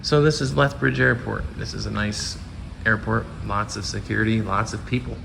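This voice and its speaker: A man with a heavily gravelly, low voice makes casual remarks on location. Vehicle noise and ambience are clearly heard behind him. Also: fairly even intonation, normal speed.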